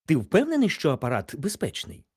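A man doing a flustered gentleman bear. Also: a little high, wildly swooping pitch, brisk, breathy edge, no room sound, clean studio sound, pitched above the performer's own voice, heavily acted. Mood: rueful. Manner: polite, fussy, easily embarrassed. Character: kindly scholarly male bear, gentlemanly and flustered. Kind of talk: storybook character voice.

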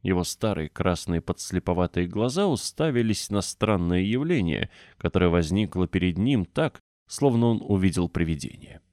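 A man narrating an audiobook in a steady, expressive storytelling manner. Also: sits low, normal speed, hardly any pauses, no room sound, clean studio sound.

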